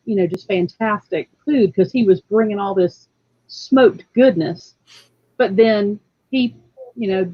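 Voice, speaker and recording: A woman's voice: mid-range voice, no room sound, lo-fi sound. A woman from a radio club calling in, chatting in a friendly storytelling way. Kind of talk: casual chat.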